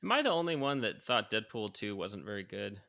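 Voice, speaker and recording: A man chatting casually on a podcast in a rather low, bright voice. He rambles through his points with plenty of "like" and "uh" and swears freely. His tone is forceful and a little tense. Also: sing-song, a little fast, creaky. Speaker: podcast co-host. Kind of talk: casual chat.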